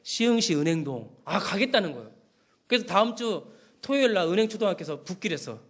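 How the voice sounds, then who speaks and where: A middle-aged man preaching a sermon as pastor, telling stories with acted-out phone calls and lively shifts in voice. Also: high voice, fast talker, husky.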